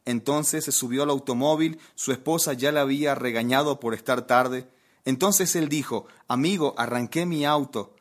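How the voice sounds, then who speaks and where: This preacher's sermon turns on a humorous story told with energy, broken up by questions to the listeners. His voice is medium in pitch and runs at a normal speed.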